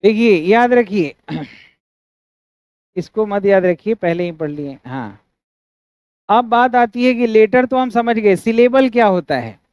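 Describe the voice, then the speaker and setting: Indian male grammar teacher, very high smooth voice, dry lo-fi recording, keeps checking students follow. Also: a little slow, pauses often, dry recording. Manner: asks students frequent checking questions; spells out words syllable by syllable. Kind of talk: classroom grammar lecture. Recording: dry, dull lo-fi sound.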